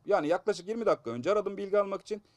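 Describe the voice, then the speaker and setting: A man's voice: sits high, expressive, rapid-fire, no room sound. Urgent, aggrieved man with a blocked nose. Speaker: assault victim giving a statement. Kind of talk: news interview statement.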